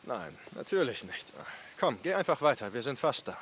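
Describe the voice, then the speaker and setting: A joking, evasive young biker in a video game dub, deflecting with jokes. His voice sits a little high and moves lively. Faint noise sits underneath. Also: moderate pace, creaky, full character voice.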